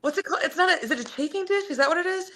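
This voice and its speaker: A woman telling a long story in casual podcast chat, rambling and animated with many fillers. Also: very high voice, racing, a little hiss or hum.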